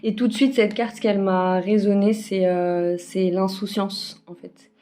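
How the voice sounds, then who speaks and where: Hesitant woman, warm mellow voice. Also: mid-range voice, steady tone, a little slow. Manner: hesitant, many fillers and restarts. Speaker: spiritual card reader. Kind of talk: casual weekly energy forecast. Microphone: phone camera.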